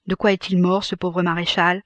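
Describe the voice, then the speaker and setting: A man's voice: sits high, flat delivery, normal speed, no echo, close to an everyday voice. A woman voicing an eager old father. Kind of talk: audiobook reading.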